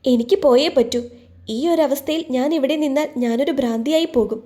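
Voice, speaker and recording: Lady doing a pleading young wife, teary, higher soft tone. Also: a little fast, lightly acted. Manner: pleading, tearful.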